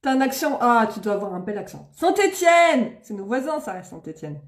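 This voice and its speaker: A woman's voice: medium pitch, expressive, brisk. A woman from the Paris region chatting live with her followers while doing her makeup, bubbly and exclamatory, laughing often. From Seine-et-Marne, France. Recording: echoey room.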